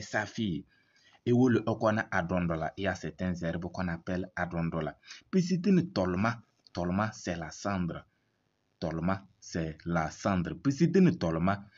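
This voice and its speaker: A man with a very low voice teaches a language lesson at an unhurried pace, repeating words and checking in with his listeners. The recording is dull and lo-fi. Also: darkish tone, husky. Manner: slow, repeats words, asks "c'est bon?". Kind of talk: reading lesson, explaining a story.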